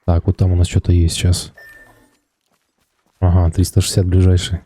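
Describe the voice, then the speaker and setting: A man's voice: low-pitched, completely flat delivery, normal speed, dark tone, husky. A man giving casual gameplay commentary to teammates in a coarse, street-tough, heavily swearing manner. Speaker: gamer playing a battle royale shooter. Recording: faint background game noise. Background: video game sounds.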